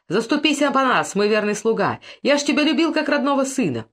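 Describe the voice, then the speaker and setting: A frightened old nobleman, played by a woman reading a storybook, begs for mercy in a high, strained voice. His pitch swoops up and down with every plea. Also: sing-song, fairly quick. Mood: pleading.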